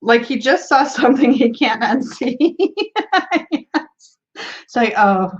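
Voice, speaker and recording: A woman's voice: a little high, slow pace, lo-fi sound. A woman hosting a tarot livestream, chatting casually, reading viewer comments aloud and laughing often. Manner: giggly and bubbly, laughs often.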